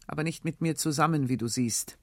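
A woman reading aloud as a weary older man, an uncle who refuses help in a low, heavy, resigned way. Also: brisk, darkish tone, no room sound, studio quality. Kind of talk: literary reading on radio.

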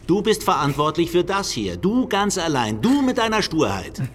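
A sneering captor in a radio play. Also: male voice, on the high side, big pitch swings, normal speed. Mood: mocking. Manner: sneering, toying, laughs at his victim. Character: mocking male captor holding a man at a noose. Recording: reverberant room, faint hiss.

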